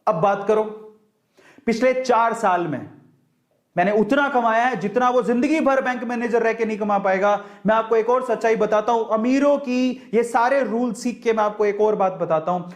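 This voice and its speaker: Young Indian male motivational speaker with a Punjabi-tinged accent and a higher voice. Loose, conversational delivery that mixes Hindi and English. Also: normal speed, reverberant. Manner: casual, chatty, mixes Hindi and English, drops into Rajasthani and Haryanvi.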